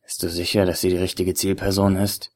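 A man voicing a guarded undercover male agent in a story, speaking low and hushed. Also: little pitch movement, a little fast.

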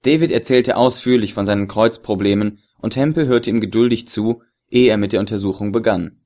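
Low-voiced man narrating an audiobook. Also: a little fast, darkish tone. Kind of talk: scripted narration.

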